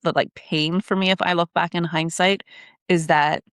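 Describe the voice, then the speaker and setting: A woman's voice: on the low side, fairly even intonation, normal speed, clean tone, no room sound, studio quality. A woman guest on a podcast talking candidly about her coaching work, blunt and emphatic and swearing freely. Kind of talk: candid conversational interview. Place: in Canada.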